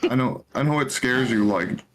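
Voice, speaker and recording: A man's voice: medium pitch, moderate pace, faint music behind. A man role-playing his character in a tabletop game, laid-back and persuasive with lots of swearing.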